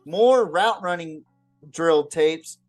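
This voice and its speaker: Slow and fairly high-pitched, a man hosts an off-the-cuff football podcast. He swears freely, speaks bluntly, and keeps repeating words, all over background music.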